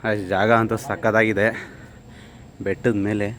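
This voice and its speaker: A man's voice: lowish voice, level tone, normal speed, a bit bright, slight background noise. A man chatting casually to the camera on a temple road trip with friends, joking as he walks around outdoors. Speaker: vlogger. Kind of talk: casual travel vlog chat.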